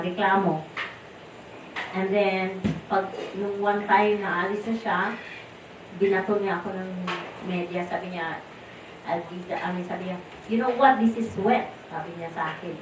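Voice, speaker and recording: A woman's voice: mid-range voice, little pitch movement, normal speed, pauses often. A middle-aged woman with a Filipino accent, a disciple sharing rambling memories at a temple gathering, often searching for words. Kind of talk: informal remembrance talk, Taglish. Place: temple hall. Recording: roomy, distant mic, faint noise.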